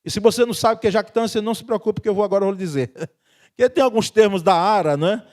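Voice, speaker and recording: A Brazilian pastor delivers a conversational sermon in a church, his voice sitting notably high for a man. He leans on friendly tag questions and frequent chuckles to keep the congregation with him. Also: fast, a little mellow. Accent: Brazilian Portuguese.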